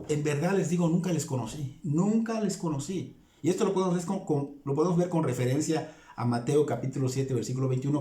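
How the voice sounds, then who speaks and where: A man's voice: fairly high pitch, mellow, reverberant. A man with a Mexican Spanish accent preaching a sermon in a church, impassioned and repeating phrases for emphasis. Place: church hall.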